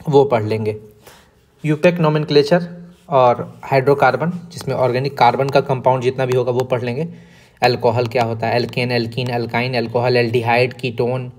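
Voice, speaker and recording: A man teaching an exam-prep lesson, explaining step by step and often pausing to check in with his students. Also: mid-range voice, a little mellow.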